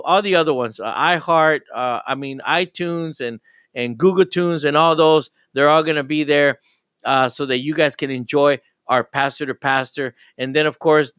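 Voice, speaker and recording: A man's voice: fairly high pitch, normal speed, a bit bright, clean tone, no echo, clean studio sound. An older man, a pastor hosting a live radio show, talking in an enthusiastic, rambling way with frequent restarts.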